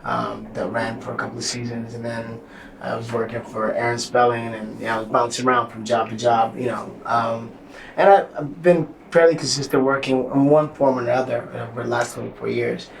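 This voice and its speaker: A man, an actor on a convention panel, speaking easygoing with "uh" pauses. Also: mid-range voice, steady tone, gravelly. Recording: roomy distant mic with faint noise.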